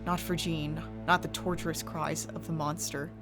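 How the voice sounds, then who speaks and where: A low, haunting voice of a woman plays an earnest, troubled brother telling a gothic horror tale. The delivery is measured and drawn out, with clear music underneath. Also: level tone. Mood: hushed dread. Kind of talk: dramatic first-person horror story narration. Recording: music behind the voice.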